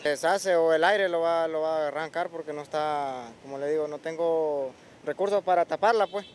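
A man's voice: on the high side, normal speed, a little hiss or hum. A young man with a Honduran accent answering a reporter outdoors, hesitant and plain-spoken. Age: young adult. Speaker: interviewee. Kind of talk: street interview. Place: outdoors in a park. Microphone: handheld mic.

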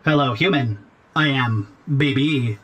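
A performer voicing a literal-minded, demanding robot baby in a video game, speaking in a robot voice with flat, clipped machine phrasing. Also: medium pitch, a little slow. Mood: deadpan robotic. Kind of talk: video game character dialogue.

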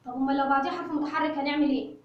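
A woman's voice: high voice, fairly even intonation, rapid-fire, lo-fi sound. A woman with an Egyptian Arabic accent teaching English to children, playful, with sing-song chants. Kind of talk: children's lesson. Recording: very echoey room, mic far off.

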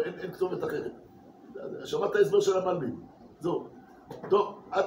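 A man, a rabbi, giving a lively Torah class to his congregation, asking rhetorical questions and repeating words for emphasis. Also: sits high, a little hiss or hum. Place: synagogue hall. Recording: echoey room from a distance.

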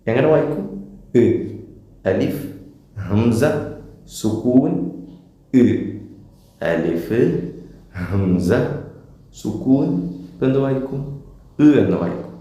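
A man's voice: medium pitch, mellow. A man teaching young children their first letters, patiently asking questions and then answering them himself. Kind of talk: children's lesson. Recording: very echoey room.

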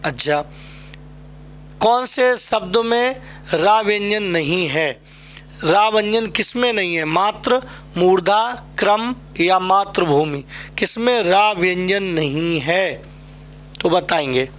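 A man with a Uttar Pradesh accent teaches an exam-prep class at an unhurried pace. He keeps firing questions and answering them himself, repeating each point. His voice sits high for a man. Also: a bit bright. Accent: Uttar Pradesh Hindi.

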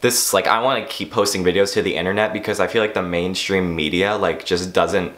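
Rambling teen boy with a low voice. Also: fairly even intonation, brisk, fairly bright tone. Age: teens. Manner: rambling, full of "like" fillers, self-mocking. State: losing his voice. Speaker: YouTuber. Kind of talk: casual vlog monologue.

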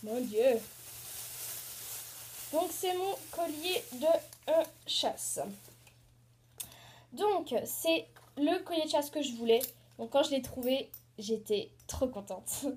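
A teenage girl chatting excitedly in a casual show-and-tell vlog, rambling with lots of hesitations and fillers. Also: high-pitched, slow, long pauses, slight background noise. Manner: excited, gushing. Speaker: horse-riding vlogger.

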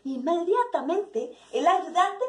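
A Mexican woman narrates a fable slowly in a high voice, acting it out with lively clucking sounds. She is recorded from a distance in an echoey room. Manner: expressive, with clucking sound effects. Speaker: storyteller. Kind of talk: storytelling a fable.

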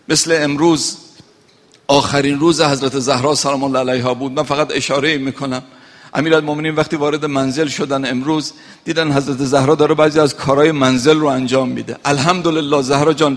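A man's voice: on the high side, little pitch movement. Impassioned preaching man in echoing hall. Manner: recites Arabic passages, rises to impassioned cries. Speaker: cleric. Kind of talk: mourning sermon.

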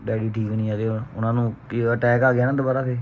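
A man's voice: mid-range voice, flat delivery, fast talker, lo-fi sound, noisy background. A man with a Punjabi accent chatting casually in a family vlog at home, coaxing and consoling his relatives and repeating himself. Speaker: vlogger filming his family.

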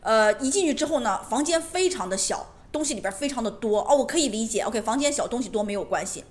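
A woman's voice: on the high side, lively intonation, fast. A woman giving a casual monologue to camera at home, emphatic and repetitive, often asking rhetorical questions. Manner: emphatic, repeats phrases, asks rhetorical questions. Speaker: lifestyle vlogger on decluttering. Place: her home.

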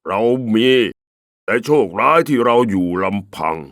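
An old, weary cartoon wolf, voiced by a man dropping his pitch well down. He speaks slowly and gravely, like a tired elder who has seen how things turn out. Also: lively intonation, fairly bright tone, no room sound, clean studio sound. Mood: solemn. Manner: slow, grave. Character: old male wolf, his future self, solemn. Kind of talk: dubbed cartoon acting.

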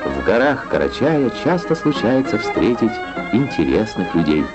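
A man delivers solemn, lyrical Soviet announcer narration. His intonation swings expressively through declamatory phrases. The sound is a dull 1960s film track, with loud music playing along. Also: lowish voice, big pitch swings, normal speed. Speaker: newsreel narrator.

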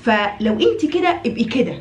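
Fast, animated Egyptian woman coach. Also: echoey room, slight background noise. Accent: Egyptian Arabic. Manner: animated, acts out quoted wives with big pitch jumps; direct, scolding, repeats phrases for emphasis. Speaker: relationship coach. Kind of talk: advice talk to women.

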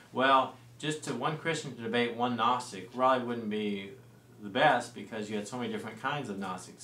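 A low-voiced man explaining church history. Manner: relaxed and explanatory, with frequent fillers and restarts. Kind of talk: explanatory studio discussion. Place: small studio set with lamp and plants. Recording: roomy and distant-sounding with faint noise.

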